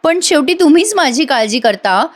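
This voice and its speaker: A woman's voice: high-pitched, lively intonation, moderate pace, pitched above the performer's own voice. A woman voicing a hurt middle-aged mother who complains her daughter ignored her, read out in a serial review. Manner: hurt, plaintive.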